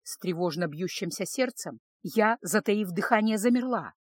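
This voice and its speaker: A woman narrates a first-person audiobook in a steady, expressive voice at a middle pitch. She is recorded close on a microphone in a dry space with no echo. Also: moderate pace.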